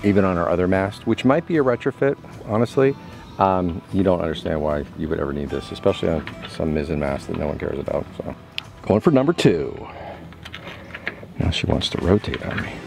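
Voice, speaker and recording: A man's voice: low voice, lively intonation, brisk, creaky, a little mellow. A man in his forties on a sailboat deck outdoors, casually talking through a repair as he works, thinking aloud and muttering at the job. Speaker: sailing vlogger. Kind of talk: casual narration while working.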